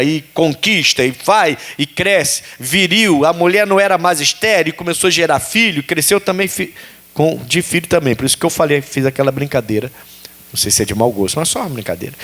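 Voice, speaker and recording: Pastor guy preaching, high bright voice, repeats stuff, keeps asking the church questions. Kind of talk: sermon.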